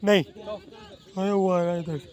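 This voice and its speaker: The man's high voice moves slowly with fairly even intonation, and the highs are cut off. He's a running coach at an outdoor ground, repeatedly shouting encouragement and announcing lap times.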